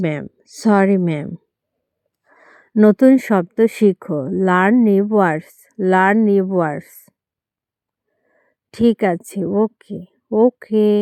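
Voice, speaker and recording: A woman leading English phrase drills for learners. She says each line in Bengali, then repeats it slowly in English. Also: medium pitch, warm tone, smooth, dry recording, clean studio sound. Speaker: English teacher.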